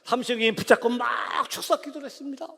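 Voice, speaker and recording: A missionary man preaching a sermon in a church, telling a story with passion and rising to shouts. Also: extremely high pitch, steady tone, quick pace, gravelly, long reverb tail. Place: church sanctuary.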